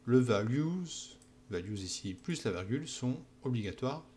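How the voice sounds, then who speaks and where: A man teaching a software tutorial while walking through his screen, often checking in with "d'accord?". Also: mid-range voice, animated, normal speed, slight background noise. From France. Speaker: instructor.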